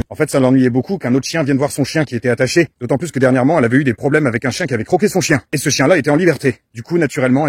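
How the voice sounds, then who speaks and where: Fast, husky man telling wry stories. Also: on the high side, no room sound, studio quality. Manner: wry, self-mocking, chatty. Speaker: vlogger. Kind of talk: casual storytelling vlog. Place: outdoors, walking his dog.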